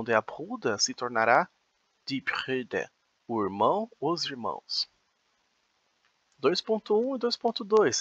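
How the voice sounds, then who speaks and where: A man's voice: fairly high pitch, sharp tone, no echo, highs cut off. A man teaching a beginner German lesson, explaining patiently with frequent "então" and "né".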